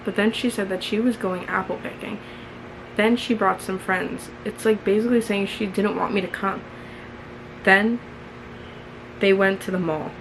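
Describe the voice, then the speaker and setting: A woman's voice: medium pitch, steady tone, normal speed, pauses often. A young American woman in her early twenties reads her old diary aloud in a candid, mildly embarrassed way, with chatty, sweary, self-mocking commentary. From New York, United States. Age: early 20s. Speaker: vlogger. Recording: clearly noisy room ambience.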